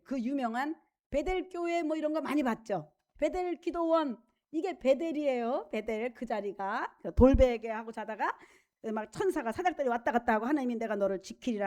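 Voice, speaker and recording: High-voiced woman pastor preaching. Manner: animated storytelling, acting out quoted voices, asks the congregation questions. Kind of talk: sermon.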